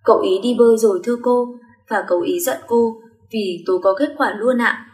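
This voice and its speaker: Brief: a woman reading as a deferential housekeeper, fairly high, roomy. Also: fairly quick, darkish tone, lightly acted. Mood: polite. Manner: deferential and polite. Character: polite female housekeeper of a rich house. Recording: roomy echo.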